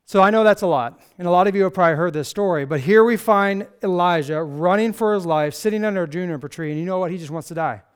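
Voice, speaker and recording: A man's voice: high-pitched, fast, hardly any pauses, smooth. A man preaching a casual sermon, telling a Bible story with sarcastic, conversational asides and acted quotes. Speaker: pastor.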